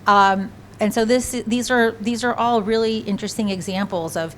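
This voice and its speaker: A woman's voice: mid-range voice, fairly even intonation, moderate pace, a little hiss or hum. A woman speaking as a panelist, thoughtful and hedging in her phrasing.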